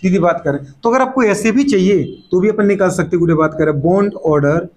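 A man with a high-pitched voice lecturing a chemistry class. He talks in quick bursts, repeats his own catchphrases, throws out questions and teases students who get things wrong. He often answers for them in a mock student voice. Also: darkish tone. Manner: playful scolding, voices students' replies. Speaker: chemistry teacher.

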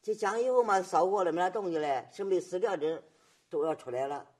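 An elderly woman in her eighties from Nanjing, China, gives oral history testimony as a survivor, her voice husky, fairly low and a little mellow. She tells her story haltingly and repetitively, often adding tag questions.

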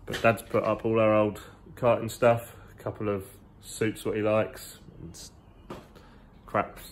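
A man's voice: lowish voice, level tone, unhurried. Chatty young man. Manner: chatty, rambling, slangy. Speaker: car vlogger. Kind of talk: casual vlog, walking workshop tour. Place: large indoor garage workshop. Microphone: phone held at arm's length.

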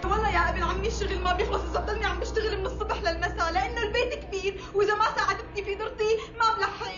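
An actress playing a resentful young Damascene wife who complains sharply in a period TV drama, with a Damascene Syrian accent. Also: female voice, very high voice, fairly even intonation, very fast, dull audio, music in the background. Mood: complaining. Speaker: first wife.

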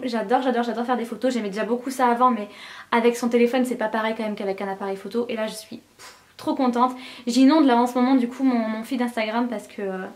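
Young woman, from France, casual vlog chat, enthusiastic, filler-heavy, fairly high voice. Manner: chatty, enthusiastic, gushing with frequent fillers. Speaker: beauty vlogger.

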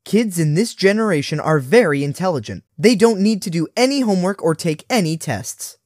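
Woman doing a deadpan cartoon news announcer. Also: on the low side, a little fast, no room sound, studio quality. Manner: formal announcing.

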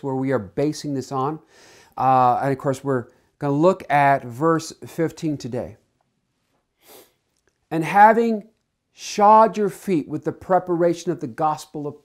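A man's voice: sits high, a little mellow. A man preaching a sermon, earnest and emphatic, stretching out key words and leading into a spoken prayer.

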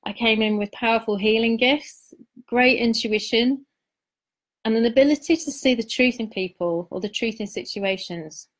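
A middle-aged woman coach gives a casual, personal live-stream talk in a slightly high voice. She sounds reflective and confiding, pausing haltingly and repeating words.

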